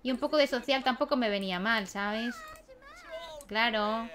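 Playing a life-sim game, this young woman chats casually to her characters and laughs a lot in a let's-play video. Her voice is a little high and fairly bright, her pace moderate, with slight background noise.

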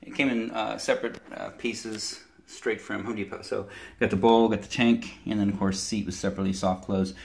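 In a bathroom, a middle-aged plumber from California explains a job step by step into a handheld phone, practical and casual with plenty of fillers. His creaky voice sits on the low side, with fairly even intonation and a moderate pace.

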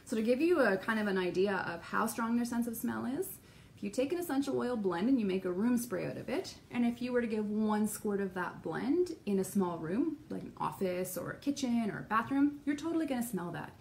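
A woman's voice: on the high side, a little fast, creaky, a little hiss or hum. A woman aromatherapist giving a casual, playful explainer to camera from indoors at her shop, with her dogs beside her. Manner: chatty, playful, lively explaining. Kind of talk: casual educational talk to camera.

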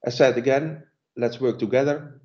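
A man giving a relaxed sales presentation in a webinar over a video call, with many fillers and restarts. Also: medium pitch, moderate pace, highs cut off.

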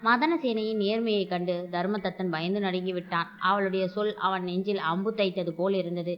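A woman's voice: medium pitch, fairly even intonation, normal speed, dull audio, soft background music. A woman hosting a storytelling show, reading a folk tale aloud and raising her voice for the characters' lines. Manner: acts out character lines in a raised voice. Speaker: storyteller host.

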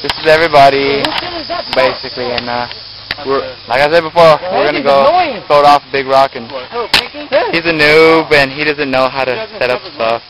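A young man with a fairly high voice records a casual handheld video diary of a camping trip, speaking in a relaxed, halting way full of ums and uhs. He films in a car, a store, an outdoor campsite, and a tent at night, holding the camera at arm's length. The camcorder audio is noisy.

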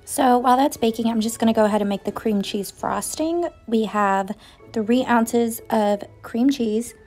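Chatty woman baking vlogger, high voice. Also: normal speed, darkish tone, faint music behind. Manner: chatty, walks through steps one by one. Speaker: baking channel host. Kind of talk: casual cooking voice-over. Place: home kitchen.

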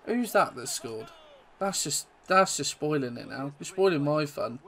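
A man's voice: fairly high pitch, unhurried. Man commentating his own football game. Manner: chatty, self-deprecating, bursts of excitement at goals. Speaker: gaming YouTuber. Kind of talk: live gameplay commentary.

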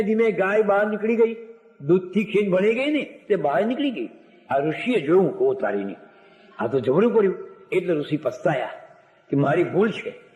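Man telling devotional tales in an echoing hall. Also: sits high. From Gujarat, India. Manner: narrates myths, voices characters, sings verses. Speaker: religious storyteller. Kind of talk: devotional story sermon. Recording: echoey hall recording.

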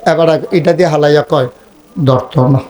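High-voiced man telling a comic sermon. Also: fairly even intonation, fairly quick. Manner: storytelling with acted dialogue, bursts into high shouting. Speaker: preacher. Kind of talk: humorous village sermon.

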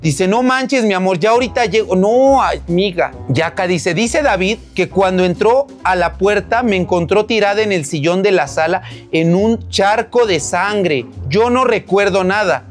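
A man's voice: high voice, lively intonation, a little slow, few pauses, soft background music. A man with a Mexican accent, a doctor reading out and reacting to viewer stories in a theatrical, gossipy way, gasping and crying out. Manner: theatrical, gasps and cries out "ay, no". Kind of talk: gossipy storytelling commentary.

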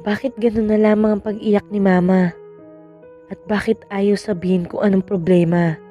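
A woman reading a scripted horror story in a calm, measured first-person telling. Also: medium pitch, highs cut off, faint music behind. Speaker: story narrator.

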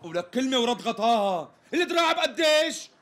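A man's voice: on the high side, fast talker, fairly bright tone, lightly acted. A man playing an impatient Syrian customer. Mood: exasperated. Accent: Syrian Arabic. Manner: exasperated, repeatedly pressing. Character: impatient male customer demanding the price.

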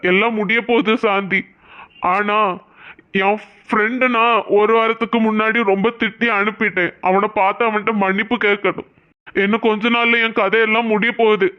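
A grieving old grandfather in a cartoon village, voiced by an actor, pleading and full of regret. His voice sits at a middling pitch. The sound is dull and lo-fi. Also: clear, resonant tone, natural voice. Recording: dull lo-fi audio.

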